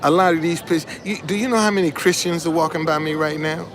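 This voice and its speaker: A man talks with strangers out on a city street. He uses loose slang and stumbles over his openings. His voice sits a little high. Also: fast talker, a bit bright. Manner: casual slang, stammering restarts. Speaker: street interviewer. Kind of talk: street conversation.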